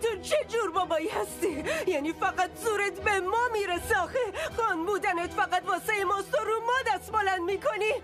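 Sobbing, furious mother with a very high voice. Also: hardly any pauses, over loud music. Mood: desperate. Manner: accusing, sobbing outbursts. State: crying. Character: distraught mother of a missing daughter. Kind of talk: dubbed TV drama acting.

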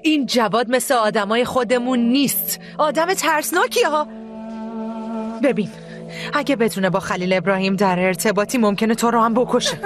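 A woman's voice: on the high side, animated, over music, natural voice. A woman dubbing a worried woman who gives an urgent warning in a television drama.

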